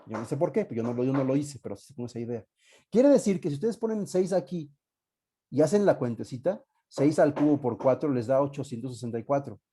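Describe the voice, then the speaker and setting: A man's voice: medium pitch, animated, fairly quick, mellow, slightly rough. A man with a Mexican accent giving a live online class as a university teacher, talking casually, thinking aloud with many fillers and joking asides.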